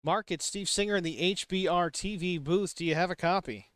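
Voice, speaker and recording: A man calling a sim truck race as booth commentator, energetic and excitable in his play-by-play. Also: high voice, brisk, no echo. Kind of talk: sim racing broadcast commentary.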